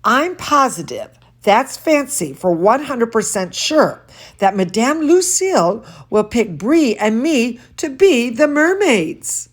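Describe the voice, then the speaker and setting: A woman reads as an excitable little girl from a storybook, proud and theatrical. The delivery is unhurried and swoops up and down, with each fancy word carefully explained. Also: on the high side, heavily acted. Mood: excited, proud. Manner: dramatic, precise, explains fancy words.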